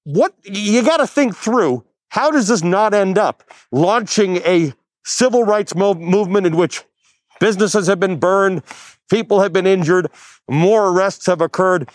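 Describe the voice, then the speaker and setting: A man's voice: sits high, unhurried, no echo. Emphatic male news host, dry sound. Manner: emphatic, persuasive delivery. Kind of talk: news commentary and interview. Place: outdoors near a courthouse.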